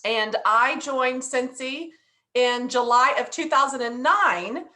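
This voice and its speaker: A woman's voice: high-pitched, slow pace, pushed and bright. A woman from the Houston area on a video-call panel, playful and joking.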